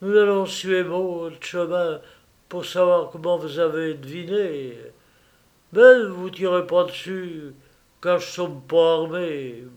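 A man voicing a cool, cunning gentleman thief who talks in a slow, sly drawl. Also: high-pitched, voice pushed up.

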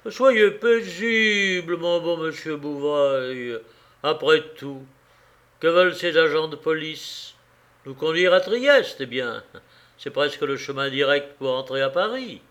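A jaunty, teasing young Parisian journalist, as a man reads him aloud in an audiobook, with a fairly high, lively voice. He sounds amused and sure of himself. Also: measured pace. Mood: mock soothing.

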